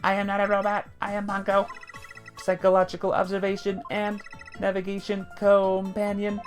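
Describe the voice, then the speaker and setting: Woman doing a chirpy high robot voice. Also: completely flat delivery, moderate pace, faint music behind. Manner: bright, singsong announcer delivery. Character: cheerful female guide robot, eager and chirpy. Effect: robot voice, put on by the reader. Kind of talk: fan voice acting of a game.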